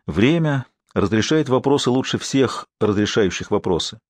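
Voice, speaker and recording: A man voicing a wise old mentor who speaks slow, solemn sayings in an audiobook. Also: medium pitch, lively intonation, dry recording, clean studio sound, close to an everyday voice.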